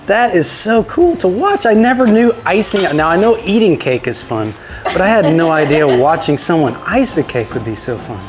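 A man hosting a kids' show on a bakery tour, excitable and talking straight to the viewers. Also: sits high, normal speed, over music. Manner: excitable, exclaims often, talks straight to the viewers. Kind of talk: upbeat presenting to kids. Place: indoor bakery and commercial kitchen.

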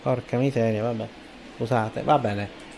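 A man's voice: mid-range voice, steady tone, a little slow, creaky, a crowd in the background. A man casually commentating his own baseball video game, cheering, groaning and muttering to himself as he plays. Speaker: gaming YouTuber. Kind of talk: casual let's-play commentary.

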